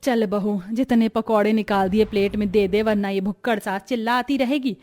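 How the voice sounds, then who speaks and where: A woman voicing a tired, resigned middle-aged mother-in-law in an animated story. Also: mid-range voice, moderate pace, soft background music, close to an everyday voice. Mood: weary.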